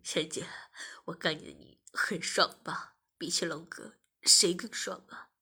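Woman doing a smug male masseur, low murmur, half-whispered, husky, storybook reading. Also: fairly even intonation, measured pace, bright, forceful tone, exaggerated voice. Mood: taunting.

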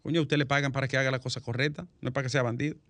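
A man with a Dominican accent hosting a panel talk show on the news, an animated storyteller who swears casually. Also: mid-range voice, very fast, no echo.

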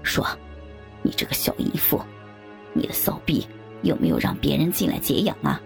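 Female narrator putting on a young husband, low murmur, gravelly, soft music behind. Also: wildly swooping pitch, moderate pace, heavily acted. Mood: harsh. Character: young husband, gentle but jealous. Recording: faint background music.

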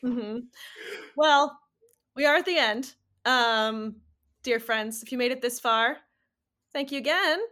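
A woman's voice: on the high side, slow pace, pauses often, sharp tone. A woman co-hosting a casual podcast, joking with bawdy, self-mocking humor and laughing often. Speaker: podcast co-host. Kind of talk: casual chat.

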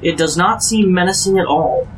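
A man running a tabletop game as dungeon master, describing scenes in a steady narrating voice with small fillers. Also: sits high, normal speed, soft background music, rough recording. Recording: faint background noise.

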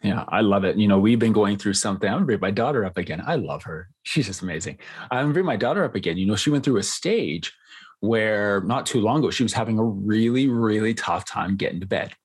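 A man's voice: fairly low pitch, animated, quick pace, husky. A man hosting a podcast, talking in an earnest, conversational way. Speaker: podcast host. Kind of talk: podcast interview.

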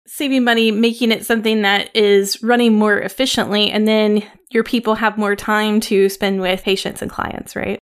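A woman's voice: medium pitch, flat delivery, moderate pace, few pauses, clear, resonant tone. A woman hosting a podcast interview in a casual, conversational style. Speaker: podcast host.

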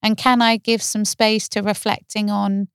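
A therapist co-hosting a podcast talks through feelings in a calm, reflective way, often working through ideas by asking gentle questions. Her medium-pitched voice is exceptionally smooth and clear at a normal speed. The recording is close and dry, with no room sound.

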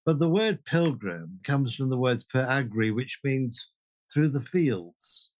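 A middle-aged man answers interview questions in a reflective, wandering way, often pausing to restart a thought. His voice sits at an ordinary, middle pitch, and he talks like someone who has led pilgrim groups for years. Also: animated, low-quality recording. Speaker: guest, pilgrimage leader.

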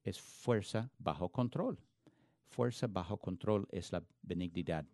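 A man's voice: sits low, measured pace, mellow, no echo, studio quality. A man preaching a sermon in an earnest, emphatic way, often restarting words mid-phrase. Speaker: pastor.

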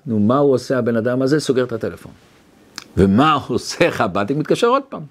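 Animated male rabbi telling a story. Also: medium pitch. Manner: animated storytelling with acted quotes. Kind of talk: storytelling talk.

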